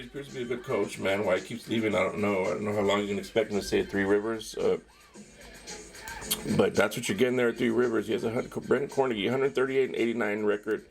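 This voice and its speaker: His voice is fairly low, gravelly and a little mellow as he hosts a casual sports podcast alone. He rambles through candid, opinionated takes, filling gaps with fillers and ending phrases with "man."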